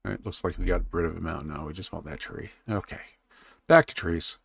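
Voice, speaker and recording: A man's low, gravelly voice comes through close and dry as he briskly chats to his stream while working on a map. He mutters under his breath between comments, then lifts his voice for chat, with typing and mouse clicks audible.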